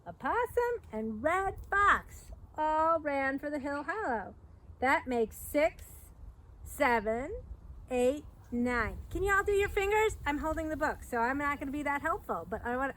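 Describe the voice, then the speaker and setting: With a high pitch and a slightly slow delivery, a middle-aged woman leads storytime for young children as a park educator. She reads the picture book expressively, almost singing it, and chats between pages. The clip was recorded outside near a trailhead fence, and background noise can be heard.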